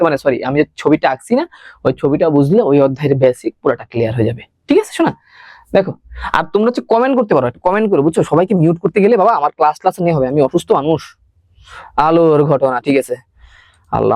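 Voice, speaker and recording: A young man teaching a live online science class, talking fast and chatty and mixing in English words. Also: high voice, a little mellow, no echo, clean studio sound.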